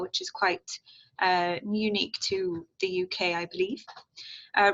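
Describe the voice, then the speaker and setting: A woman presents over a video call, explaining her hospital's device service in a fluent, upbeat way. Her voice is bright and forward. The sound is dull and lo-fi, as in a screen recording of an online meeting. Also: medium pitch. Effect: video-call audio captured in a screen recording. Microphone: computer mic on a video call.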